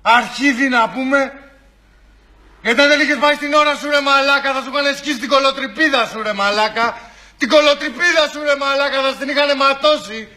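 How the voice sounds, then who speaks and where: A man doing a shrill, sneering money collector. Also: pushed and bright, exaggerated voice. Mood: taunting. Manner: mocking, badgering questions. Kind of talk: comedy sketch acting.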